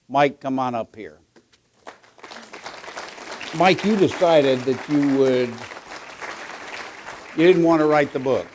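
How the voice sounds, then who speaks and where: A man with an American accent introducing and interviewing a guest before an audience, measured and rhetorical, repeating phrases for emphasis. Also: mid-range voice, a little mellow. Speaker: event host and interviewer. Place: on stage at a luncheon event.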